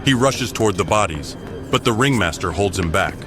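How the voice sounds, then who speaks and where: A man's voice: on the low side, expressive, a little fast. A man delivering dramatic scripted narration as the narrator of an audio drama. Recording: loud music under the voice. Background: loud dramatic score.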